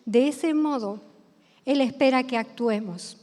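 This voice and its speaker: High-voiced Rioplatense woman preaching. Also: unhurried, warm tone. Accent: Rioplatense Spanish. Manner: storytelling, asks the congregation questions. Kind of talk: sermon. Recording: long hall reverb.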